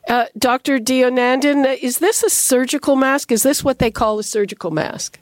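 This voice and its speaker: A woman's voice: high-pitched, moderate pace, no room sound. Woman hosting radio, dry studio sound. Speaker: radio host. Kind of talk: conversational radio interview hosting. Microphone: studio microphone.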